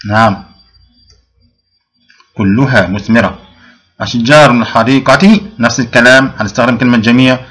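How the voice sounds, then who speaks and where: A man's voice: mid-range voice, pushed and bright. A male grammar teacher. He explains a lesson step by step, asks his pupils questions, answers them himself, and often restarts his sentences. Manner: frequent restarts and drawn-out fillers. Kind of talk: recorded classroom lesson.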